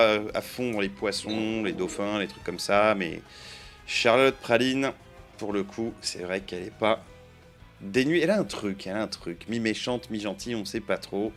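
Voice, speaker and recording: A man's voice: fairly low pitch, a bit bright. Playful man chatting over card openings. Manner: chatty and playful, counting out cards and joking to viewers. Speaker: card-opening video creator. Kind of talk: casual commentary while opening card boosters.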